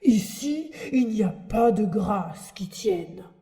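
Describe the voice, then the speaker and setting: A woman voicing a gruff, bearded male puppet master in an audiobook, stern yet softhearted. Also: mid-range voice, lively intonation, slow pace. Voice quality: gruff, sneezing. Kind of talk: audiobook character reading.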